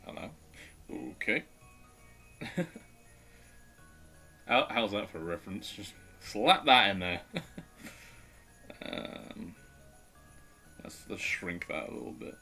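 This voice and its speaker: A man with a very low voice streams live, talking to himself and his viewers as he draws. His delivery swings up and down a lot and has a bright, forward edge, with a chatty, self-deprecating manner. Soft music plays faintly behind him. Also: big pitch swings, slow, vocal fry, pauses often. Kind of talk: casual live-stream commentary while drawing.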